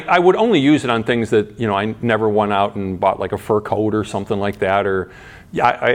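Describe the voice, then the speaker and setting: Preaching a sermon, this middle-aged pastor keeps things easygoing and conversational. He often begins sentences over, throws rhetorical questions at the audience, and swings from quiet, low remarks to brighter, louder emphasis.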